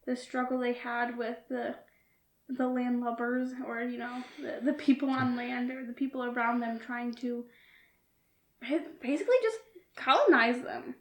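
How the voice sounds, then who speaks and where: A woman's voice: fairly high pitch, steady tone, normal speed. A woman co-hosting a casual podcast chat, giggling often as she retells scenes. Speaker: podcast co-host. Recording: roomy echo.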